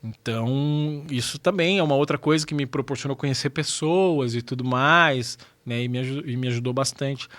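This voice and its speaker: Man, forties, southern Brazilian accent, very bright tone, slightly tongue-tied diction, casual interview talk, emphatic repetition. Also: mid-range voice, normal speed, few pauses, no echo. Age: 40s. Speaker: podcast guest, radio presenter.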